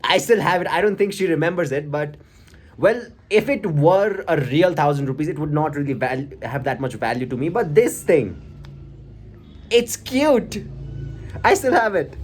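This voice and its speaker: A young man with an Indian accent talks casually and haltingly, reflective and a little self-conscious as he shares his old diary. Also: fairly high pitch, expressive, darkish tone. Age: young adult. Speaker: vlogger. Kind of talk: casual personal storytelling, reading from an old diary. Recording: clearly audible background noise.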